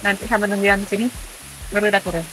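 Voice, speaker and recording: A woman's voice: mid-range voice, fairly even intonation, fast talker, a bit bright, a little hiss or hum. A woman vlogging outdoors at a waterfall, talking in a chatty, upbeat way with lots of fillers and an Indonesian accent. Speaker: travel vlogger. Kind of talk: casual travel vlog.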